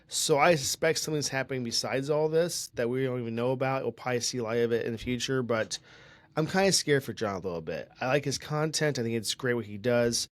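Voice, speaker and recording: A young man co-hosts a casual tech podcast, opinionated and rambling, often circling back with restarts. His voice sits at an ordinary middle pitch. It is recorded close and dry, with no room sound. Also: fairly quick, dry recording. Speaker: podcast co-host.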